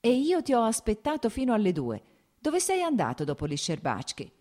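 A woman's voice: fairly high pitch, huge pitch swings, moderate pace, dark tone, voice pushed up. Hearty jovial nobleman, read by a woman. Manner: hearty, exclaiming. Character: jovial sociable nobleman, grown man. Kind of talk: audiobook reading.

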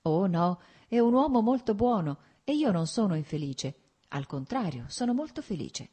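A woman narrator gives voice to a calm, gentle young woman with a mild, tired kindness. She speaks plainly and evenly, a little higher than the narration, with a husky, mellow tone. Read as an audiobook. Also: moderate pace.

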